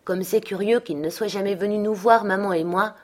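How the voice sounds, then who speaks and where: Lady putting on a timid little boy, soft and wistful, murmured. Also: mid-range voice, fairly quick, close to an everyday voice. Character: frail sickly young boy, wistful and timid.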